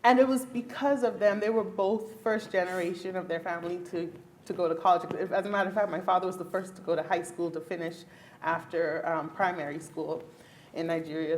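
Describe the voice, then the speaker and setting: Her voice sitting on the lower side, a neurologist from the Bahamas gives an emphatic, earnest panel answer at a luncheon hall, laughing frequently. A little hiss or hum runs under the recording.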